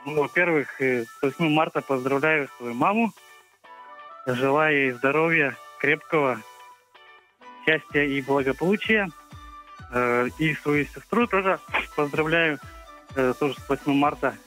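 A man calling in to a live show by phone, chatting casually and a little haltingly. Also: on the high side, bright, forceful tone. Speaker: phone-in caller. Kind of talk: hesitant casual chat. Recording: phone call with faint music.

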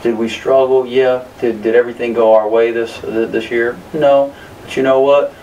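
A man in his thirties, a basketball coach answering press conference questions in a measured way, with many fillers and restarts. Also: mid-range voice, flat delivery, darkish tone, recorded from a distance, a little hiss or hum, rough recording. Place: press room in front of a sponsor backdrop.

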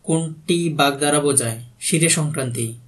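Speaking at a moderate pace in a fairly high voice, this exam prep tutor has a Bangladeshi Bengali accent. Each quiz question he reads is followed by a plain answer and a brief explanation.

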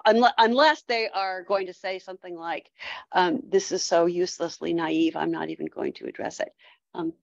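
A woman's voice: fairly high pitch, a bit bright, no echo, dull audio. A woman giving an academic lecture, thinking aloud with frequent restarts and fillers.

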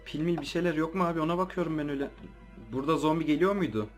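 A man's voice: fairly high pitch, fairly even intonation, rapid-fire, soft background music. A man giving casual, slangy commentary while playing a horror game, jumpy and easily startled as he talks to his viewers. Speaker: let's play gamer.

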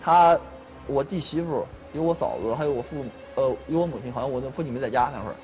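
A man's voice: medium pitch, fast talker, darkish tone, soft background music. A man in his thirties recounting a family property dispute to a mediator, earnest and repeating himself.

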